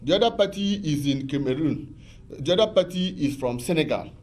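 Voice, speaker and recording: A man with a voice pitched slightly above the usual male range talks through legal procedure on a television program. He lectures patiently, circling back over his points and filling pauses with hesitations. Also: expressive, a little mellow. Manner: patient, repetitive, lecturing with many fillers. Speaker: legal expert guest. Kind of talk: explanatory TV talk on law.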